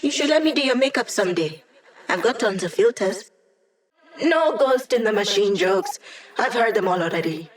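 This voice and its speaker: An actress voices an upbeat, wry female hacker giving a squad mission support in a video game, delivering it playfully, teasingly and casually. Her mid-range voice swings widely in pitch at a moderate pace and sounds close to how she'd normally talk.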